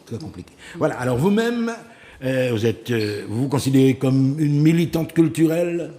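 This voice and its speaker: A man hosting a TV interview, asking direct questions in a casual way and agreeing quickly. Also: medium pitch, animated, mellow. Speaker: TV show host.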